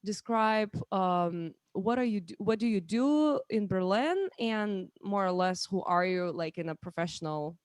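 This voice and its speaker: A woman's voice: medium pitch, measured pace, hardly any pauses, smooth, no room sound, clean studio sound. A woman in her thirties with a Lithuanian accent, hosting a casual live-stream chat with many restarts and fillers. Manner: chatty, with frequent restarts and fillers. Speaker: host.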